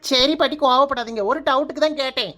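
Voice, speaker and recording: A woman's voice: sits high, fast, a bit bright. A woman voicing a cheeky young village girl in a cartoon, bossy and teasing in Kanyakumari Tamil.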